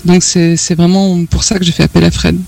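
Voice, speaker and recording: A woman singer as a guest in a radio studio interview, talking reflectively and hesitantly, pausing often to find her words. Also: on the low side, level tone, creaky, a little mellow. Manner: reflective, hesitant with many pauses and fillers.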